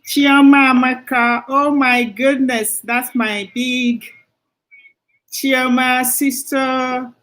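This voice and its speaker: A woman hosting a live stream, warmly greeting viewers one by one by name. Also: high-pitched, level tone, takes it slowly. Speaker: livestream host. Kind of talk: casual livestream greeting.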